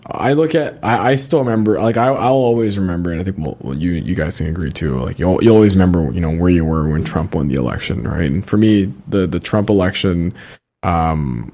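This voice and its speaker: A man's voice: low-pitched, lively intonation, fairly quick, mellow. A man hosting a radio panel, chatting loosely with lots of "like" and "you know". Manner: chatty, filler-heavy, frequent "like" and "you know". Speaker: host. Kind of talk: casual panel talk show. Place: radio studio.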